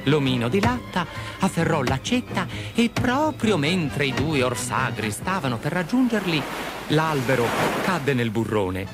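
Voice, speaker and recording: A man narrating a children's fairy tale, with lively, expressive storytelling. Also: fairly high pitch, unhurried. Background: background music.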